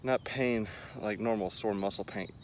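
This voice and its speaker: A man's voice: lowish voice, fairly even intonation, normal speed. A man in his forties chatting casually to camera as he paces around outdoors, rambling and self-deprecating. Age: 40s. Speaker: vlogger. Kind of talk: casual running vlog chat to camera. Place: outdoors in a park by a lake. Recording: clear outdoor ambient noise.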